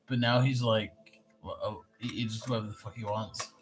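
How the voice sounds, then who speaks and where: A man's voice: fairly low pitch, fairly even intonation, brisk. A man giving casual gaming commentary, explaining the series in a rambling, sweary way. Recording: clearly noisy background ambience.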